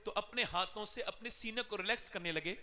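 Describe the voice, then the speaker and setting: A man preaching an emotional sermon, his voice swinging sharply from loud cries to low, hushed passages. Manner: impassioned, sweeping swings in pitch and loudness. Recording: long reverb of a large hall.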